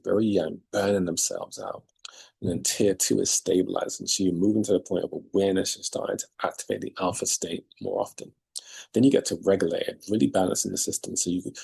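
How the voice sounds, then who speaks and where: A man's voice: deep voice, vocal fry, a little mellow, slightly rough, rough recording. A man speaking as a leadership coach in an emphatic motivational monologue to camera, repeating key phrases for effect, recorded outdoors.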